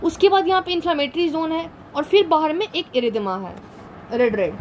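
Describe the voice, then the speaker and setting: A woman's voice: sits high, animated, normal speed, slight background noise, poor audio. A woman teaching a medical class, explaining step by step, asking and answering her own questions as she draws diagrams. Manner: draws diagrams while talking, frequent "theek hai na". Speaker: medical lecturer. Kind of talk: classroom lecture, mixing Hindi and English.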